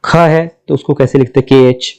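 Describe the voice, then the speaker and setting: A man teaching English letter sounds in a casual spoken lesson, repeating each sound slowly and often checking that the viewer understands. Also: medium pitch, fairly even intonation, darkish tone.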